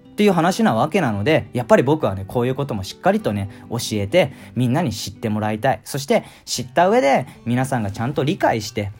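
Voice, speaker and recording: A man teaches a video language lesson, talking quickly and emphatically. His pitch swings widely as he stresses his points. Quiet music plays underneath. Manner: animated, emphatic lecturing.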